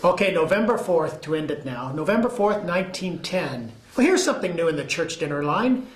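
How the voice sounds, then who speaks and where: A man co-hosting a newspaper look-back segment, reading old stories in a folksy, jokey way and adding his own asides. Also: high-pitched. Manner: folksy, jokey, acts out quotes. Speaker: co-host. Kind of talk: reading old news with banter. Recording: echoey room.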